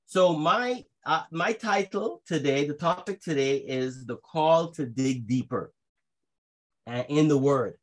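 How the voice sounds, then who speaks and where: Over a video call, a man who grew up in Jamaica and Trinidad preaches to his congregation in a fairly high, expressive voice. His earnest delivery is hesitant, with frequent false starts.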